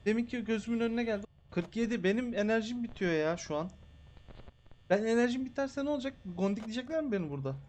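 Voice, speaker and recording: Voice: medium pitch, animated, fast talker, a little mellow. A streamer doing live horror gameplay commentary, grumbling and cursing constantly and shrieking at jumpscares. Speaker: game streamer.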